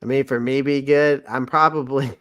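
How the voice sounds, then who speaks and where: In his thirties, a sports podcast host chats casually on a live stream, rambling, correcting himself and laughing often. His voice is medium-pitched, steady and clear, with a resonant tone at normal speed.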